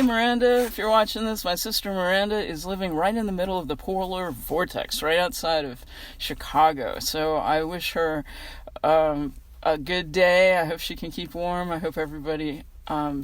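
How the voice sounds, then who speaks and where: An American woman giving a casual inspirational reflection outdoors in a parking lot, talking in a chatty, earnest, conversational way. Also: sits low. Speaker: vlogger giving a weekly inspirational message. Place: outdoors in a gym parking lot in freezing cold.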